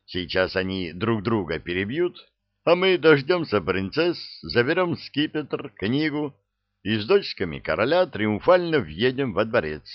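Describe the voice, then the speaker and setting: A man voicing a scheming, excitable male swindler in an audiobook, with a whiny manner. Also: mid-range voice, measured pace, dry recording, highs cut off. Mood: gleeful.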